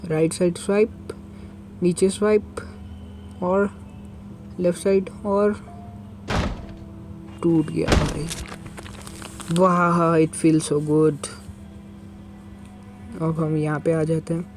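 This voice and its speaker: A man hosting a gaming channel, giving chatty, excitable commentary as he plays and keeps calling out to the viewers as guys and bro. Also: high voice, takes it slowly, pauses often. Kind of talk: casual let's-play commentary. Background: game music.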